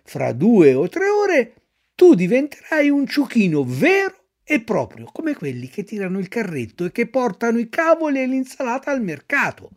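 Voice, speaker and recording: A small, kindly marmot speaks gently and sympathetically, as a woman reads her part. Her consoling voice sits fairly high and moves with lively intonation, like a character in a storybook read aloud. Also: moderate pace. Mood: explaining. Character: kindly little female marmot, sympathetic and wise.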